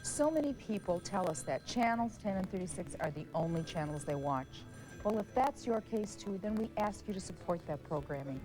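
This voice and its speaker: A woman's voice: lowish voice, lively intonation, normal speed, over music, low-quality recording. A woman hosting a public television pledge drive, speaking persuasively and earnestly with repeated, building phrases.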